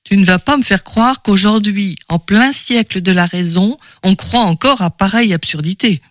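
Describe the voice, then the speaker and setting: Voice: medium pitch, moderate pace, dry recording, studio quality, natural voice. A performer voicing an impetuous male journalist in an audiobook, talking in an indignant, scornful way. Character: hot-headed male journalist, scornful skeptic. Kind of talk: audiobook character reading.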